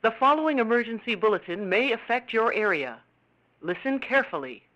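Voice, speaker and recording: A voice giving a formal, measured emergency bulletin announcement, played over a PA-like broadcast speaker. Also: mid-range voice, very animated, very noisy. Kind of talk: scripted alert announcement. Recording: dull lo-fi broadcast sound.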